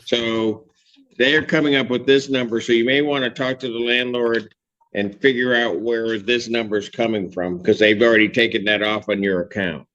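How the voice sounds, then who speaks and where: Man, judge, brisk, directive, courtroom hearing, lo-fi sound. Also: mid-range voice, steady tone, a bit bright.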